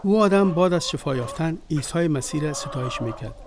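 Brief: a friendly, devout visitor in a radio play, Afghan Dari accent, earnest and higher-pitched. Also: male voice, animated, background noise. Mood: storytelling. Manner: earnest storytelling. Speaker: visiting friend who retells a story. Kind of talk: radio drama acting.

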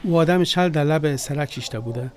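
Brief: actor as a friendly, devout visitor in a radio play, Afghan Dari accent, earnest and higher-pitched. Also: male voice, slight background noise, natural voice. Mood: storytelling. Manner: earnest storytelling. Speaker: visiting friend who retells a story. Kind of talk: radio drama acting.

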